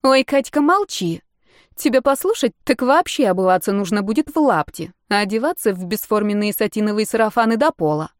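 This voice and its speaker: A woman voicing a loud, mocking young blonde woman in an audiobook, with a brash, teasing manner. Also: fairly high pitch, expressive, normal speed, no echo, studio quality, close to an everyday voice. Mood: dismissive. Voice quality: loud, snide.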